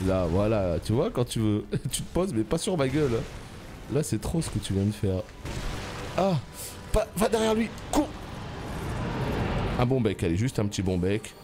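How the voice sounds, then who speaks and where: A man giving live gameplay commentary, shouting, pleading and joking sarcastically at the boss he fights. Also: fairly low pitch, moderate pace, pauses often, over music. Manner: excitable, yells and pleads at the boss; teasing, sarcastic banter. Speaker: gaming YouTuber.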